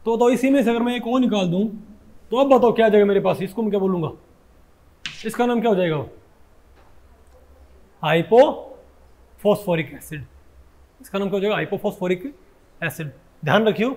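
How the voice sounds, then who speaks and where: A man's voice: high voice, darkish tone. A male chemistry teacher giving a lecture, who keeps throwing questions at his students and corrects himself as he goes. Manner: keeps asking students questions, often says "bhai"; corrects himself mid-sentence. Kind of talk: Hindi classroom lecture.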